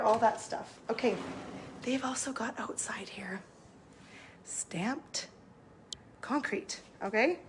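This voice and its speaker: A real estate agent giving an enthusiastic live walkthrough tour of a house and talking straight to her viewers while she walks around with a phone. Her voice is going a little hoarse. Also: on the high side, a little hiss or hum. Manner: bubbly, enthusiastic, addresses viewers directly. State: losing her voice. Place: indoors and outdoors at a house. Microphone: phone held while walking.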